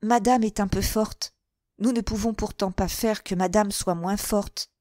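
A young shop girl in an audiobook, read by a woman, who keeps her voice soft, measured and composed. She speaks slowly and evenly, close to a dry mic. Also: medium pitch, steady tone, no room sound, natural voice. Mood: calm. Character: young shop girl, calm, dignified and gentle.

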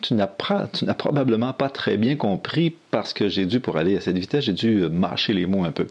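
A man narrates an instructional video and speaks straight to the viewer as he shows how things work. His voice is low and slightly husky, and his pitch moves in a lively way. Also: fairly quick, highs cut off. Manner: demonstrative, addresses the listener directly. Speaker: course designer.

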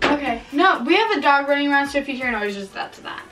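A woman's voice: high voice, expressive, fast talker. A young woman chatting casually and reading aloud from old childhood writings, with playful, informal commentary. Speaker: vlogger. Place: small bedroom, indoors, sitting on a bed. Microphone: camera a few feet away. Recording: distant mic in a room, music behind.

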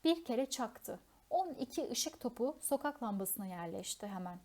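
A woman's voice: on the high side, lively intonation, normal speed, darkish tone. A woman narrating a children's fantasy novel as an audiobook, reading steadily and expressively with a few small slips. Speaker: audiobook reader.

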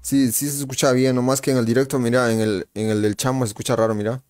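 A man hosts a live game stream, his voice sitting at an ordinary middle pitch. He talks in relaxed, slangy banter, greeting viewers one by one and reacting aloud to the fight on screen. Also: quick pace, dry recording, soft background music. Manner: greets viewers by name while reacting to the match. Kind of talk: casual live-stream gaming chatter.

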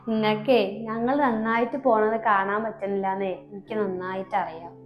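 A woman with a Malabar Malayalam accent playing a calm, patient young daughter-in-law who pleads with her sister-in-law, in a comedy skit. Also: mid-range voice, fairly quick, roomy sound, dull audio, soft background music, lightly acted. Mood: pleading.

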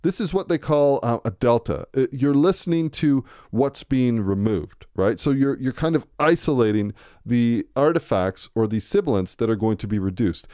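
Mellow-voiced man explaining studio software. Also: mid-range voice, moderate pace, few pauses, clean tone, no echo. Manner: relaxed, conversational, thinking aloud. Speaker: music production tutor. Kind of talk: screen-recorded software tutorial. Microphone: close to a studio microphone.

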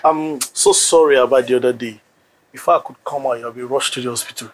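An actor playing a polite, friendly shopkeeper who speaks deferentially. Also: male voice, medium pitch, fairly quick, natural voice.

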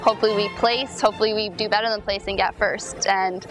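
A woman's voice: mid-range voice, fairly even intonation, quick pace, poor audio. A young woman chatting in a documentary interview about her dragon boat team, recorded outdoors at night on a lapel mic. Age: young adult. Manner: bubbly, chatty, many "like"s. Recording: music playing underneath.

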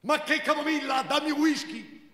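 A male performer voicing a furious young wife who yells shrill accusations, on a live theatre stage. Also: steady tone, moderate pace, reverberant, long reverb tail. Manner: shrill outbursts, yelling accusations.

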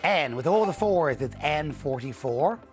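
A middle-aged man hosts a televised numbers game in a fairly high male voice. He delivers scripted links and calls with clear, measured upbeat presentation. Music plays clearly behind him. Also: animated. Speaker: TV bingo presenter. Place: TV studio. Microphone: lapel mic.

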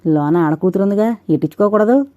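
A woman reading a story voices a rough-tongued, hot-tempered male watchman in coarse rustic speech. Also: mid-range voice, a little fast, dark tone, dry recording, clean studio sound, lightly acted. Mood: suspicious.

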